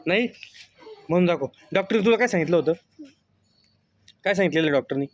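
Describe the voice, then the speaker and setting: A man's voice: high-pitched, lively intonation, fast talker. A man filming a casual family vlog, teasing and coaxing his small child in a playful way. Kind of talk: casual family vlog, talking to camera and toddler. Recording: dull lo-fi phone audio.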